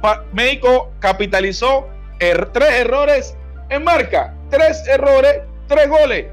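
Male Panamanian football pundit, very high strained-up register, insistent repeats, arguing live over music. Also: animated, slow. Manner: emphatic, repeats phrases insistently. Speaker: sports show commentator. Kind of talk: heated live football debate. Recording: music behind the voice. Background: background music.

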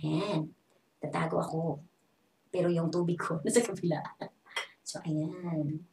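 A woman's voice: lowish voice, fairly even intonation, unhurried, vocal fry, a little mellow, slight background noise. A young woman with a Filipino accent, an online English teacher giving a casual, chatty tutorial in English and Tagalog. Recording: echoey room.

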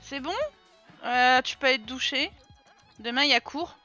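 Bright high-voiced woman streamer. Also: moderate pace. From France. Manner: chatty, teasing, talks to her game characters. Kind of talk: casual gameplay commentary. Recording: dull lo-fi sound with game music behind.

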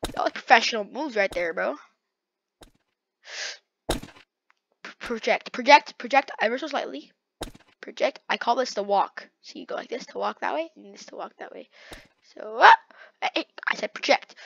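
Young woman, slightly high voice, excitable play-by-play gamer talk, dull dry lo-fi mic. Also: moderate pace, creaky, long pauses, breathy edge. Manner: excitable, dramatic self-talk with slang and repeated words. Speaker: gaming creator. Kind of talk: live gameplay commentary.

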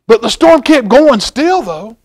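A middle-aged stand-in host reads a picture book at a library storytime, sitting at a table indoors and chatting with the children in an expressive, folksy way. His voice is very high-pitched and his pace a little slow. He repeats phrases for emphasis.

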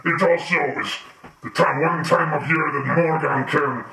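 A man voicing a hulking monster who speaks in slow, broken caveman grammar and chuckles at humans. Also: a little high, pushed and bright, reverberant, distant mic, low-quality recording. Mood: gleeful menace. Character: hulking male monster, crude broken speech.

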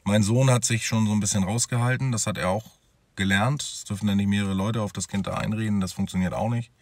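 A man's voice: lowish voice, steady tone, quick pace, dry recording. A man telling his own story as a father in a personal vlog, talking straight to his viewers in a conversational way.

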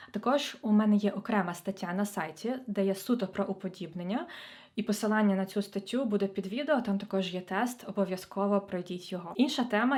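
A woman's voice: medium pitch, a little mellow. A woman tutor giving an online exam-prep lesson, addressing students in a friendly, direct way. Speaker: Ukrainian language tutor.

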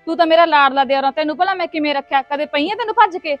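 A woman's voice: sits high, very fast, dull audio, faint music behind, close to an everyday voice. A woman playing a bossy elder sister-in-law who scolds and insists on her seniority. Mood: self-righteous. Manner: self-righteous, scolding. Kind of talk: Punjabi family sketch acting.

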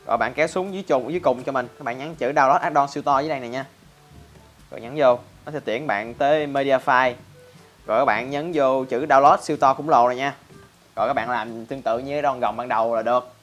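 A man's voice: medium pitch, fast, a bit bright, dull audio, faint music behind. A man hosting a casual game tutorial in a chatty style, constantly addressing viewers. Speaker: Minecraft channel host.

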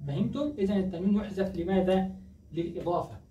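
Grammar teacher with a mellow voice, drills key terms through repeated questions, heard from a distance with faint background noise. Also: medium pitch, fast. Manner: asks questions and answers them, repeats key words. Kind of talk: grammar lesson. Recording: echoey distant dull recording, faint noise.

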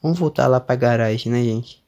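A man's voice: medium pitch, fairly quick, a little mellow. A young man with a Brazilian accent doing let's-play commentary on a horror game, nervous and jumpy, exclaiming often as he goes. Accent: Brazilian Portuguese. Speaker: gamer streamer.

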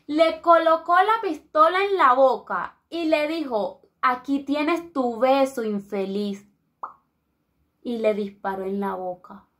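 A woman from Colombia telling a dark story aloud in a casual, conversational way, pausing and restarting as she goes. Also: high voice. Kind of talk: oral storytelling.

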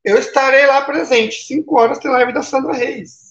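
A man's voice: extremely high pitch, moderate pace, fairly bright tone. A Brazilian man talks casually on a live stream, greeting viewers one by one and tacking little questions onto his sentences. His voice sits in a roomy space. The sound is a bit dull and muffled. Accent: Brazilian Portuguese. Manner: chatty, greets viewers by name, tag questions. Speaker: live-stream baking host.

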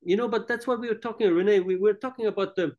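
The interview takes place indoors, in a room hung with a large painting, with a middle-aged man who leads a hotel group. Born in France and brought up in Italy and Switzerland, he answers haltingly with many fillers and restarts. Heard through a video call webcam, his voice sits high with a darkish tone, and the audio is dull.

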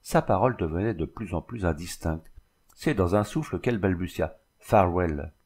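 A man reading a novel aloud as an audiobook narrator, in a measured, even way. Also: low voice, husky. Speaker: audiobook reader.

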